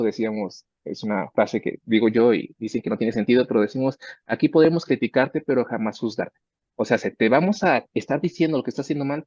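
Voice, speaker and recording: A man of middle pitch explains how he mentors his research students, slipping into the voices of both sides of their talks. The sound is dry and a little dull. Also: darkish tone, dry recording. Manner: conversational, acts out student dialogues. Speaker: research professor.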